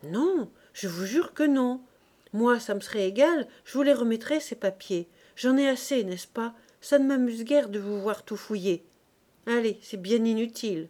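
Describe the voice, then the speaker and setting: A woman voicing a hot-tempered young market fishwife who bursts out in shrill, indignant tirades. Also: measured pace, dark tone, close to an everyday voice. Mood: defiant. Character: fiery young woman fishmonger, quick to rage.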